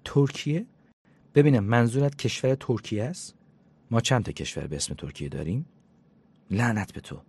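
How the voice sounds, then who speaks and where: Irritable reclusive woman, curt and sarcastic, low husky read, as a male narrator voices her. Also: darkish tone, no echo.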